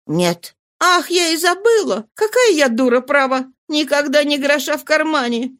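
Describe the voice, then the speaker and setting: A woman's voice: high voice, lively intonation, moderate pace, a bit bright, voice pushed up. A woman voicing a flighty, impatient young woman who scolds and exclaims. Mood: exasperated.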